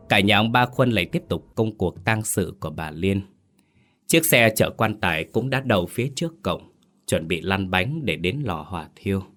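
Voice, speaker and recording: A man with a very deep voice narrates a scripted ghost story. He tells it steadily and with suspense. Soft background music plays beneath him. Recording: faint music underneath.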